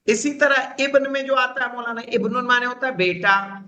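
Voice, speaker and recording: A man whose first language is Urdu, teaching an Arabic grammar class, reading Arabic phrases slowly and translating them, with frequent check questions to students. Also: very high-pitched, bright, forceful tone, poor audio. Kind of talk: classroom lesson.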